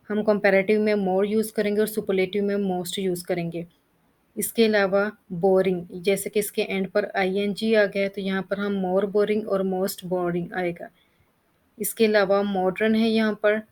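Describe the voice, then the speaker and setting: Flat-voiced woman teaching English grammar. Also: medium pitch. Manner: explains step by step, spells out letters and lists word forms. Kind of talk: Hindi-language grammar lesson.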